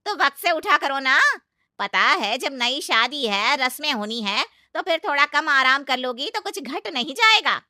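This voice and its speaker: A shrill, scolding aunt-in-law from a cartoon story, voiced by a woman who raises her bright voice to taunt. She swings her pitch high and low and talks loudly and indignantly, in a dry room. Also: sing-song, a little slow, no room sound, full character voice. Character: scolding middle-aged aunt-in-law, tradition-bound.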